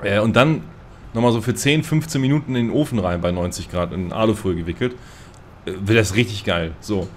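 A man's voice: on the low side, fairly quick, a little hiss or hum. A man casually telling a rambling, self-mocking story in a group voice chat, often laughing at himself. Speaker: gamer on a multiplayer voice chat.

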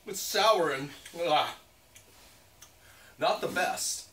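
A man's voice: a little high, lively intonation, extremely slow, fairly bright tone. Man talking through a chewing mouthful. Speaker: food reviewer. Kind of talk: casual food-tasting chat. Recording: roomy, distant mic, faint noise.

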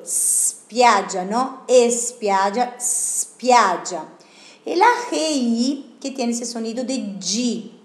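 Slow, careful woman teaching Italian. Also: medium pitch, reverberant. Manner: slow, careful, repeating words for learners. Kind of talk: language lesson.

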